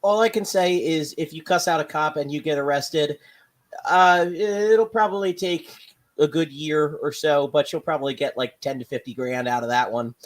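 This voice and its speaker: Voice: medium pitch, normal speed. Wry, profane podcast co-host. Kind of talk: casual opinionated chat.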